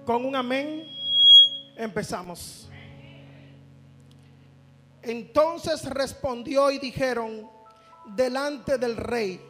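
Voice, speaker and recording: Very high-voiced, slow, fervent preacher man. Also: over music. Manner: fervent, calls out for amens, shouts praise. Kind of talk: sermon with scripture reading. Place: church retreat service.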